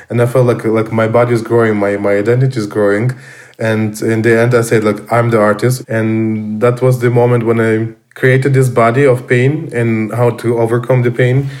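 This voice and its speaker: A man, a guest speaking casually in English, pausing often with fillers and restarts. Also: mid-range voice, a little mellow. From Armenian, raised in Russia. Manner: halting, many fillers and restarts. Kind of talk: casual conversation.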